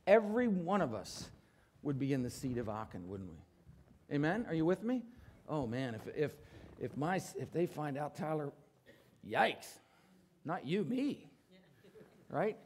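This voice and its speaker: A middle-aged pastor, husky-voiced and very animated, preaches unhurriedly from a church stage with long pauses. He shifts between loud, emphatic declarations and quiet, low asides while asking the congregation to agree.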